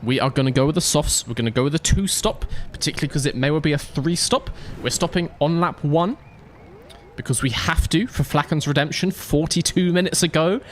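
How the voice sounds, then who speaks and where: Here a man with a voice on the high side talks a little fast while streaming a racing game. He jokes around with his chat and keeps the gameplay commentary playful. A faint hiss or hum sits under the audio.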